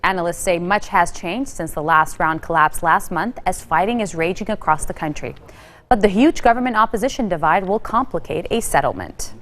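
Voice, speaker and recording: A woman news anchor reading a scripted bulletin with a steady, even delivery. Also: fairly low pitch, a little fast.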